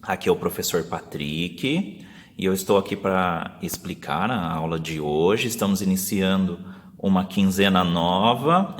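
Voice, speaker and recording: A man with a Brazilian Portuguese accent, a teacher explaining a lesson step by step and slowly sounding out syllables for young pupils. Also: sits low, big-room sound. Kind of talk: remote class video lesson.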